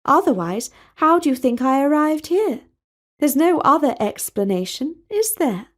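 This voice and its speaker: Woman playing high-voiced, earnest young princess. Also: very animated, unhurried. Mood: lofty, certain. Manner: formal, intense, precise wording.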